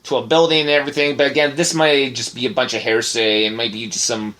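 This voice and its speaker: A man's voice: medium pitch, little pitch movement, quick pace, pushed and bright. A married man co-hosting a casual podcast, rambling through news with lots of fillers and restarts. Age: adult, married. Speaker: podcast co-host.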